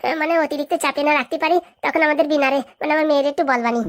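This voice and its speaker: A woman voicing a quick, fussing village housewife in a cartoon. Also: high voice. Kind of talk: cartoon voice acting.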